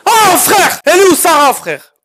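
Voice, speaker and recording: Woman streamer talking street slang, animated. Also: very high voice, moderate pace, background noise. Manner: French suburb street slang. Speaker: live streamer. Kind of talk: casual livestream chat.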